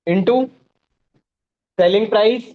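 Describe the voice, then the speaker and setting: A man's voice: sits high, takes it slowly, phone-quality sound. A man teaching a live online class, walking students through each step and checking in with them as he goes.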